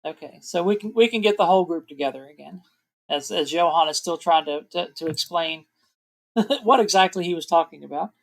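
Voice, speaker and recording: A woman's voice: fairly low pitch, fairly quick. A woman narrating as game master in a casual, chatty way, laughing often and restarting her sentences now and then.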